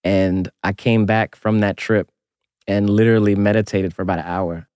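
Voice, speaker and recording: A man's voice: fairly low pitch, fairly even intonation, normal speed, darkish tone, dry recording, clean studio sound. A man, an archaeologist interviewing a guest, telling a personal story in an earnest, reflective way.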